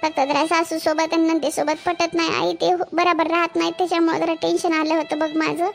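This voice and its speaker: A woman's voice: very high voice, little pitch movement, fairly quick, creaky, soft background music. A woman voicing a tearful young married woman, a new mother, who sobs and pleads, in a cartoon. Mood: weary. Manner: sobbing, pleading. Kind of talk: cartoon voice acting.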